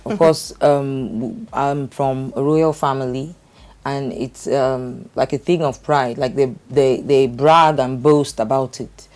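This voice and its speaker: A woman's voice: rumbling low, fairly even intonation, slow, a little mellow. Hesitant middle-aged woman telling her story. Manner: hesitant, with frequent fillers and restarts. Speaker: guest sharing her life story. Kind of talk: candid conversational storytelling.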